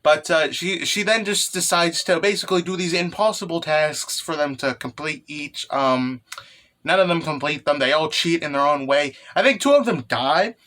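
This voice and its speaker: Excited anime-fan man, bright forceful voice. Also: fairly high pitch, moderate pace. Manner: sweary, irreverent, informal; often tags phrases with "okay" or "right". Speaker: host of a manga chapter review channel. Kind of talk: casual fan recap commentary.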